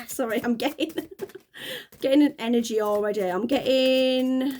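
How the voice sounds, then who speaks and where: A woman's voice: high-pitched, slow. Giggly, chatty woman reading tarot. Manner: chatty, giggly, rambling, animated asides. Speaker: tarot reader. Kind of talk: casual tarot reading to camera.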